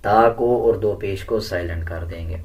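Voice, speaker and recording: A man teaching how to recite the Quran, explaining the rules calmly and then chanting the verses slowly and melodiously, far louder than his explanations. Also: on the low side.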